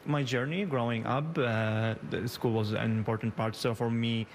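Halting young man. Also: mid-range voice, steady tone, creaky, a little hiss or hum. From Yemen, raised in Saudi Arabia. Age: 20s. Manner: hesitant, halting, with frequent "uh" and restarts. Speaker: bakery founder, guest. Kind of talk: casual interview answers. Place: his bakery kitchen.

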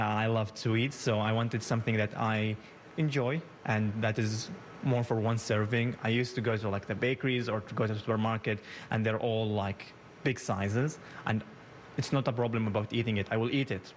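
A young man answers interview questions in his bakery kitchen. He speaks haltingly, with many "uh"s and restarts. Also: fairly low pitch, fairly even intonation, slight background noise. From Yemen, raised in Saudi Arabia. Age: 20s. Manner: hesitant, halting, with frequent "uh" and restarts. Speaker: bakery founder, guest.

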